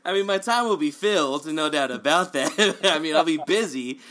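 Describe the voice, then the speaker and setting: A man co-hosting a casual sports chat, animated and jokey, with many fillers. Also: fairly high pitch, moderate pace. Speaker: co-host.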